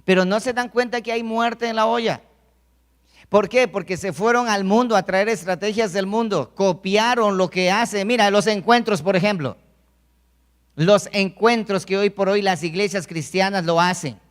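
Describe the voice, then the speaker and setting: A man's voice: high voice, normal speed, big-room sound. A male pastor preaching a sermon, pressing his point with rhetorical questions and repeated phrases.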